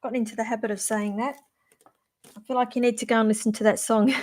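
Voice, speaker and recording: A woman's voice: on the high side, little pitch movement, darkish tone. A middle-aged woman giving a casual live-stream psychic reading, musing aloud and stopping and restarting as she talks. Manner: chatty, musing aloud, halting with restarts and fillers. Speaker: psychic reader.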